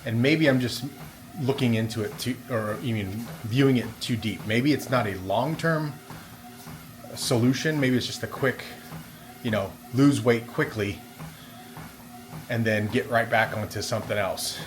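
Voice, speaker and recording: A man's voice: mid-range voice, unhurried, faint music behind. A man talking casually and a little hesitantly in a rambling vlog as he walks on a treadmill. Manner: talking while walking on a treadmill. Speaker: vlogger. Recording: steady background noise of treadmill. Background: treadmill and room noise.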